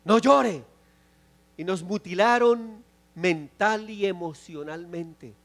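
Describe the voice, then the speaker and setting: A male pastor giving an impassioned sermon, repeating phrases and swinging from loud exclamations to soft, low pleas. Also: slow. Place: church.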